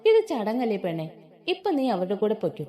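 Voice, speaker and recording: A woman voicing a gentle, reassuring young husband in a storybook narration. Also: medium pitch, wildly swooping pitch, a little fast. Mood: tender.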